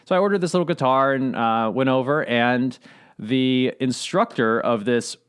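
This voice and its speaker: A middle-aged man co-hosting a podcast, chatting in a relaxed way and laughing easily. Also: medium pitch, moderate pace, clean tone. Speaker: podcast co-host. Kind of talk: casual conversational podcast.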